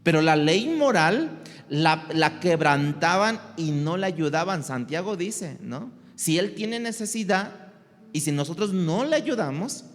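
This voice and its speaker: Casting: male preacher, fairly high voice, slow and conversational, church hall with long reverb. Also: sing-song. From Mexico. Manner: conversational, asks the congregation rhetorical questions. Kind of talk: sermon.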